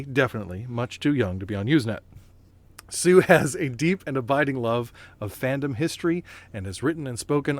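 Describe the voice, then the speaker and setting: A man's voice: medium pitch, dry recording. A man hosting a podcast in a casual chatty way, full of fillers, restarts and playful asides. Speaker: podcast host.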